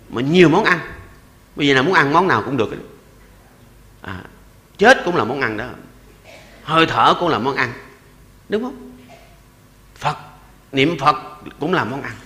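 A man in his sixties, a Buddhist monk with a Southern Vietnamese accent, giving a sermon. He jokes and chuckles often, and slows down to recite verses and repeated chants. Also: on the high side, echoey room, in a large hall. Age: 60s. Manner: lively and joking, often chuckling.

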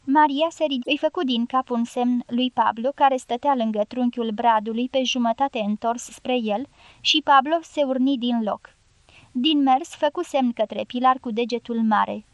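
A woman narrating a literary audiobook in an even, measured reading. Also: fairly high pitch, no echo.

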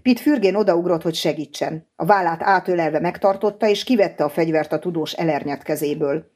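A woman narrating a translated thriller as an audiobook, in a steady, measured way. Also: fairly low pitch. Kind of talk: scripted narration.

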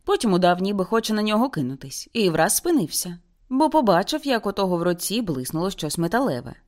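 A woman reading a novel aloud as an audiobook, with intense dramatic narration that slows for grim moments. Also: mid-range voice, very animated, darkish tone. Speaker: audiobook reader.

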